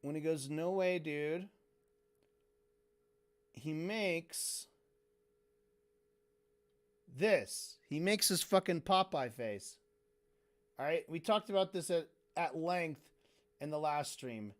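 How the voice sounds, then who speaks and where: A man's voice: on the high side, animated, a little slow. A man commentating on a stream in a casual, profane way, breaking into mocking impressions.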